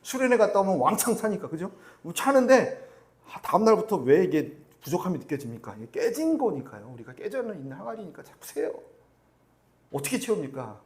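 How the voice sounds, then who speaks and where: A man's voice: sits high, a little fast. A male pastor giving a Sunday sermon at a church service, often laughing and checking for agreement from the congregation. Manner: animated, acts out quotes in different voices; laughs often while preaching.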